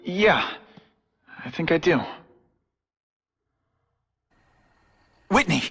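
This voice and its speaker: An actor playing a wisecracking young superhero in a video game, with a casual, sarcastic manner. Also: male voice, on the high side, lively intonation, a little slow, gravelly, fairly bright tone, husky, dry recording, studio quality, exaggerated voice. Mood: inquisitive, earnest. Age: young adult. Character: wisecracking young male superhero, earnest and quippy.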